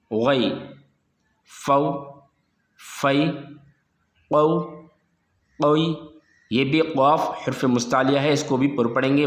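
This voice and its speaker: A male teacher giving a slow, patient lesson, spelling out syllables one by one and repeating them for the learner. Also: mid-range voice. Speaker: Quran reading teacher. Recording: roomy echo.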